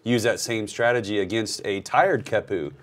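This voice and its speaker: Man, rugby coach guest, low-ish voice, firm, plainspoken, casual chat. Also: normal speed.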